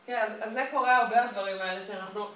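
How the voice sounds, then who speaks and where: A female teacher patiently takes her class through a grammar lesson step by step. Her medium-pitched voice is a bit bright with fairly even intonation, recorded from far off in an echoey classroom.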